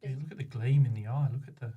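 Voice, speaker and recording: A man's voice: medium pitch, steady tone, fast talker, far from the mic, dull audio, a little hiss or hum. A man hosting a school interview, chatty and affirming, often echoing his guest's words back. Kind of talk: casual interview chat.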